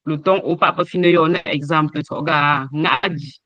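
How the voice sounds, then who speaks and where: A man teaching an online language lesson, explaining tones slowly with repeated examples and hesitations over a video call. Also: fairly high pitch, steady tone, sharp tone, no room sound. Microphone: computer mic on a video call.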